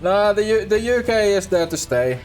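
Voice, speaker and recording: Faint music plays behind a young Swedish-speaking Finn chatting on his gaming livestream at a moderate pace. His voice sits high and expressive, and he meanders hesitantly, frequently starting over and laughing.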